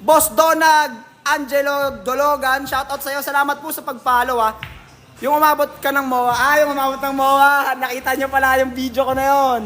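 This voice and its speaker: A man's voice: very high-pitched, little pitch movement, moderate pace, sharp tone. A man with a Filipino accent hosting a casual livestream, reading out viewer comments in a jokey, teasing way and laughing often. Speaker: livestream host at a billiards hall.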